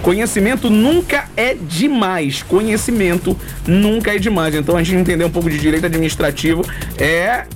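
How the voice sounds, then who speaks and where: A man, hosting a casual radio show with enthusiastic, rambling chat and shout-outs. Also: sits high, moderate pace. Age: 40s. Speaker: radio host. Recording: music bed under the talk.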